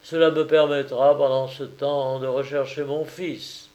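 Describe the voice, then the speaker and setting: A man's voice: mid-range voice, level tone, unhurried, a little mellow, natural voice, poor audio. A man voicing an anxious, devoted husband in an audiobook, speaking earnestly and pleadingly. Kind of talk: audiobook character reading.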